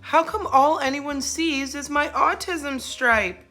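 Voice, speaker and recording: A woman's voice: high-pitched, slow, pushed and bright, faint music behind, pitched above the performer's own voice, heavily acted. A woman voicing an upset, sensitive young boy zebra in an earnest, plaintive storybook telling.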